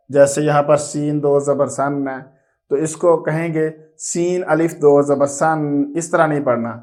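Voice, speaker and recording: Man teaching syllables in slow chant. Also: fairly high pitch. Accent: Pakistani Urdu. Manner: chants syllables slowly, then explains briskly to parents. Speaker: Quran reading teacher. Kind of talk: slow drilled recitation lesson.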